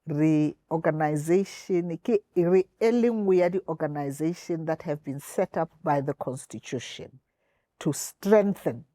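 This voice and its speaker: A woman's voice: deep voice, a little slow, dark tone, no room sound. A woman with a South African Sotho accent, explaining things as an official guest in an interview and switching between languages. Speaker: interview guest, equality commission chairperson.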